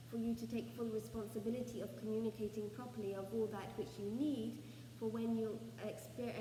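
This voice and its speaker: Female seance medium, trance channelling, ceremonial and measured phrasing, dark-warm tone, recorded at a distance with faint noise. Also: a little high. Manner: formal, ceremonial phrasing as a collective 'we', with deliberate pauses. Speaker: trance channeller, spirit medium leading a session. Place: echoey room, away from the microphone. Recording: roomy, reverberant, distant mic, faint noise.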